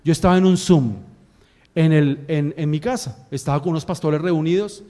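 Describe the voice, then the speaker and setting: High-voiced preacher spinning a story. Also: male voice, normal speed. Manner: animated storytelling, acts out scenes. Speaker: pastor. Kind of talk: sermon.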